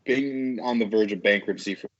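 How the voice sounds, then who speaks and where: A man's voice: fairly low pitch, moderate pace. A man talking casually as a podcast guest over a remote call, his earbud audio fading in and out. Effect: choppy call audio that fades in and out through wireless earbuds. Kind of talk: casual chat. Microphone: wireless earbuds on a remote call. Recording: muffled, dropping-out lo-fi call line.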